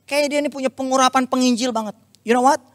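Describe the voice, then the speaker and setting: A man preaching a lively, confessional story-sermon, dropping English phrases in. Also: very high-pitched, racing, no room sound. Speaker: youth preacher.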